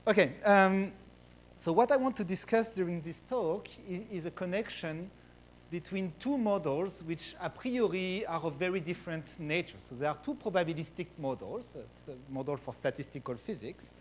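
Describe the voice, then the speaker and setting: A man's voice: high voice, lively intonation, moderate pace, slight background noise. A man with a French accent giving a research math lecture, hesitant, with many fillers and restarts. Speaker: guest lecturer.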